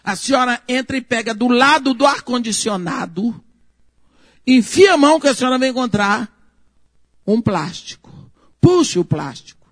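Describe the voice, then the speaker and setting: A woman's voice: on the high side, animated, normal speed, dry recording, clean studio sound. A Brazilian woman telling a personal story in an emphatic way, acting out the dialogue. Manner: emphatic, acts out quoted dialogue. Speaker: storyteller giving a testimony.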